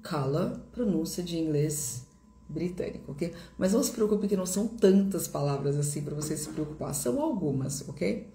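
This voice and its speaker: Low-voiced woman teaching an online lesson. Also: expressive, normal speed, mellow, echoey room, slight background noise. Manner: patient, explains step by step with repeated examples. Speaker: English teacher. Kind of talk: live online English lesson.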